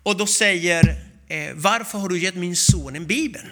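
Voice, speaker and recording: A male preacher with a high, very bright voice delivers a sermon. He tells stories with animation and acts out the voices of the people in them.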